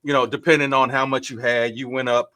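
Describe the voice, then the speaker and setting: A man with a loud, sharp, projecting voice chats casually in a halting, excitable way, often repeating himself. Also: mid-range voice, no echo. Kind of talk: casual group chat. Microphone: desktop USB microphone a few feet away.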